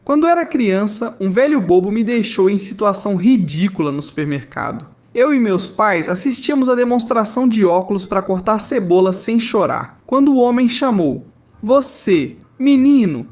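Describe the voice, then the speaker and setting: A man narrating funny family anecdotes with animated, exaggerated comic delivery. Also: high-pitched, normal speed, few pauses. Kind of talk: scripted comedic story narration.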